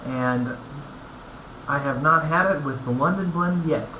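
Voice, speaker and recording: A man giving a casual, unscripted review, speaking haltingly and thoughtfully in short phrases with pauses between them. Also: a little high, highs cut off. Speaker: pipe tobacco reviewer. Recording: echoey room, clear background noise.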